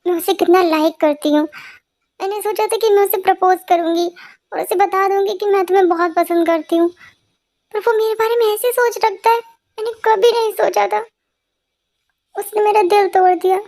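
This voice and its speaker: A woman's voice: extremely high pitch, steady tone, normal speed, a little mellow. A woman voicing a tearful young office employee who answers her boss meekly in a dubbed fan story. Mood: heartbroken. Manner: sniffly, meek.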